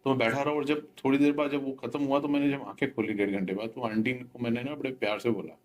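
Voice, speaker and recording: Here a middle-aged man delivers a fast, steady devotional testimony in a medium-pitched voice. He earnestly tells of his experience as a devotee, slipping English words into his story.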